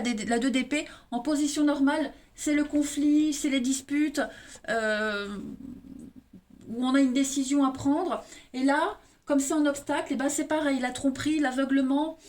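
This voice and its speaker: Her voice is high-pitched yet darkish in tone as this eastern French-accented woman gives a monthly tarot reading. She speaks straight to the people watching, frequently ending sentences with "hein."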